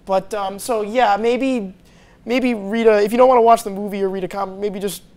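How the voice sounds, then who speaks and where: His voice is high-pitched, steady and a little mellow, and he speaks briskly. He's a young man co-hosting a movie review show, chatting casually with lots of fillers and restarts, picked up by a lapel mic in a small TV studio.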